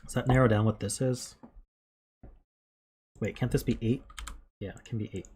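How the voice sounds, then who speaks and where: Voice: medium pitch, steady tone, moderate pace, a little mellow, slight background noise. A streamer thinking aloud while working through a puzzle, musing in self-questions and correcting themself in casual commentary. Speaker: live streamer.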